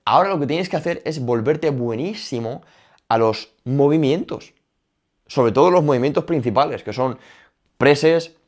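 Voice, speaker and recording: A man's voice: mid-range voice, a little mellow. A young man with a Spain Spanish accent giving casual, emphatic training advice, repeating his points directly. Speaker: fitness youtuber. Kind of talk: casual gym advice talk.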